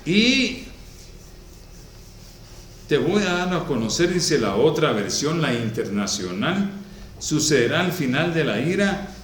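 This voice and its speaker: A man's voice: a little high, sing-song, distant mic, a little hiss or hum. A man preaching a sermon in a church, reading scripture aloud and stopping to explain it with emphasis. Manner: reads verses aloud, then comments on them slowly and emphatically. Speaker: pastor. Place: church hall. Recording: very echoey hall.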